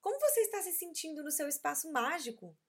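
A woman voicing a patient, gentle mother in a children's story, speaking in a soothing, coaxing way. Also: high-pitched, big pitch swings, quick pace, pitched above the performer's own voice.

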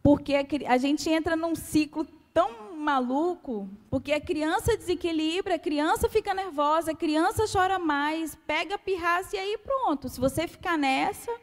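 A woman with a Brazilian Portuguese accent giving a calm, soft-spoken testimony sermon to a church. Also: sits high, normal speed. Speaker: church speaker. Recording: long hall reverb.

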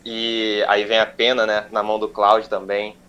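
A man's voice: fairly low pitch, completely flat delivery, normal speed, bright, forceful tone, clean tone, muffled recording. A man hosting a casual gaming chat, talking with awe and many fillers.

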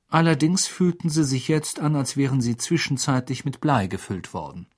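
A man narrating an audiobook in an expressive storytelling manner. His voice is husky and moves widely in pitch. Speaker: audiobook reader. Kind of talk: scripted narration.

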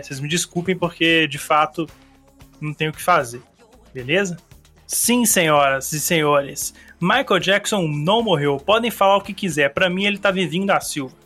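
A slightly hoarse man hosts a casual solo podcast. He rambles in a slangy, chatty way, his voice sitting a little high. A song plays faintly in the background. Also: pushed and bright. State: a bit hoarse. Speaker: podcast host. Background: faint song playing.

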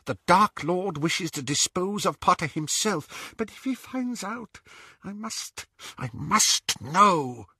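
Male narrator playing a cruel screeching woman, high and harsh, close and dry. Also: lively intonation, a little slow, sharp tone, dry recording, exaggerated voice. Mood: muttering. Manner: shrill, screaming, commanding. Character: shrieking unhinged woman, fierce and cruel.

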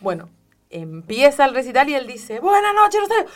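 A woman's voice: fairly high pitch, very animated, brisk. A woman from Corrientes with an Argentine accent, telling a story in casual chat and acting out the quoted voices. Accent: Argentine Spanish.

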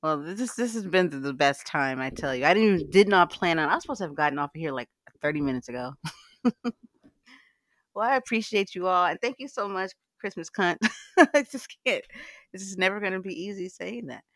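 A woman's voice: lowish voice, animated, brisk, fairly bright tone, no echo. A woman hosting a casual live audio chat, frank and swearing freely, laughing often. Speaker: livecast host.

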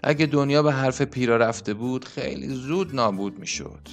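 A man voicing a hushed, brooding old villager. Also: animated, gravelly, soft background music. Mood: wry. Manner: low, hushed, brooding delivery.

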